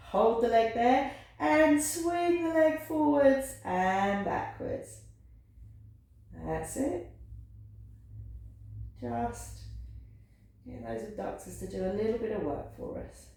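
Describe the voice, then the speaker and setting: In an echoey room, a gentle woman with a mid-range voice instructs a pilates class from some distance away. Her cues are soft and encouraging, she counts down aloud, and now and then she sounds a little out of breath.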